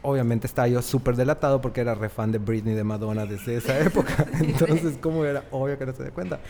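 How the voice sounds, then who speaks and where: A man's voice: medium pitch, fast talker, a loud crowd. Chatty young Mexican man telling stories. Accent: Mexican Spanish. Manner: chatty, laughs often, acts out quoted voices. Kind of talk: casual storytelling chat.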